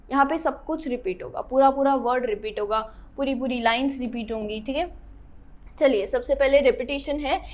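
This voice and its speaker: A young woman teaching an English grammar lesson, explaining step by step and checking in with her students often. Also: sits high.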